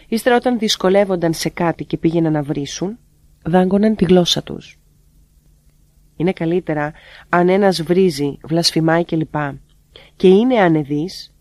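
Reader for devotional teachings, measured and unhurried, mid-pitched, dry and close. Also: a little mellow, no room sound. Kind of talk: read-aloud spiritual teachings in the first person.

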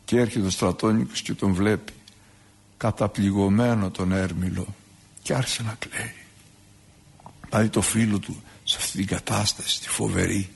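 A man's voice: lowish voice, steady tone, vocal fry, slightly rough. A male priest giving a sermon on saints' lives, in a conversational way with asides and rhetorical questions.

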